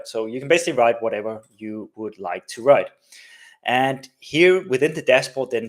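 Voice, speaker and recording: A man from Denmark hosts a live coding stream at medium pitch. The walkthrough is casual and chatty, peppered with fillers and tag questions.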